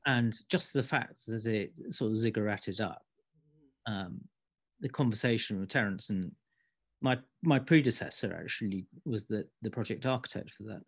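A man's voice: fairly low pitch, normal speed, fairly bright tone, husky. A man, principal of an architecture practice, speaking in a panel discussion with many hesitant restarts.

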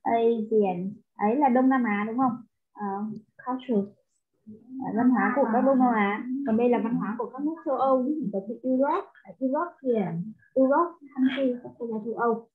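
A woman's voice: a little high, normal speed. A woman teaching English, tutoring one pupil and explaining words step by step in with English terms mixed in. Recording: tinny phone-like line.

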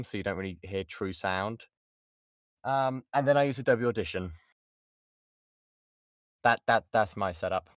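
A British voice actor, his voice on the low side, casually answers questions in an online workshop with a self-deprecating touch. The studio-quality, dry recording was made in his padded home booth with an XLR studio microphone.

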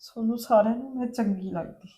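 Actress as an aggrieved aunt, plaintive, warm and slightly high-pitched. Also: female voice, quick pace, lightly acted. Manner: plaintive, reflective complaint. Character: hurt aunt who lives with her brother's family. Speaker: sister-in-law, married daughter of the house. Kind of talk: Punjabi family drama acting.

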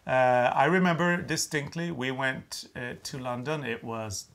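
In a small wood-panelled room, a middle-aged craft show host and designer talks casually in English, though Norwegian is his native language. His voice sits in the mid-range with a fairly bright tone, and he takes his time.

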